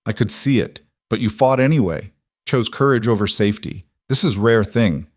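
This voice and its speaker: A man voicing a huge scarred male fighter who talks slowly and gravely, with a heavy accent and broken grammar. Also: fairly low pitch, no room sound, studio quality, close to an everyday voice. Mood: solemn.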